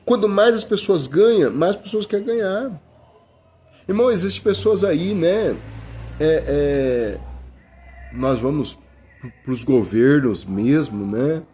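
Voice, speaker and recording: A man's voice: on the high side, lively intonation, takes it slowly, pauses often, mellow, husky. A middle-aged Brazilian man preaching an informal sermon in a conversational way, often calling listeners brother, with many restarts. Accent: Brazilian Portuguese.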